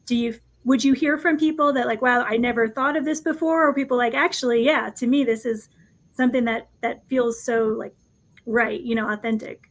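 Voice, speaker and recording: A woman with a fairly high voice hosts an interview, asking her question in a halting way. She gropes for the right words as she goes. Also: fairly even intonation. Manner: hesitant, searching for words. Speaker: podcast co-host.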